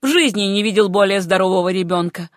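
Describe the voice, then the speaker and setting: A young doctor in an audiobook, pleased with himself and announcing with a touch of triumph, as the reader plays him. The reading is dry and close, with no echo. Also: male voice, sits high, fast, lightly acted. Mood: proud. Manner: triumphant, self-satisfied. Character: proud young male doctor.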